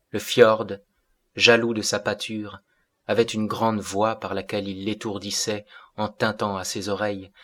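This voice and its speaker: Low flat male voice reading a classic novel audiobook, measured. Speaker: audiobook narrator. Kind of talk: literary audiobook narration.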